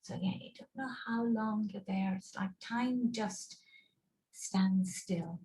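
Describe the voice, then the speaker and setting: A woman's dark, medium-pitched voice guides listeners through relaxation and visualization on a video call. She gives slow, calming instructions with frequent pauses.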